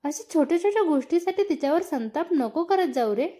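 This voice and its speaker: A woman voicing a gentle, caring middle-aged mother in a read-aloud story. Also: sits high, lively intonation, brisk, pitched above the performer's own voice.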